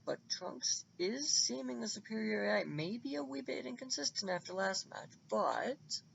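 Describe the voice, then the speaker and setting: Give me an excitable man rambling through game commentary, slightly high voice, dull recording with a faint hiss. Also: moderate pace, gravelly. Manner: excitable and rambling, with many restarts.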